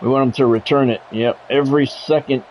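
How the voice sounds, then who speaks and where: Through poor audio with a bit of hiss or hum, a man with a medium-pitched voice talks fairly quickly. Middle-aged or older, he calls a football video game live in clipped announcer phrases and gets excited on the big plays.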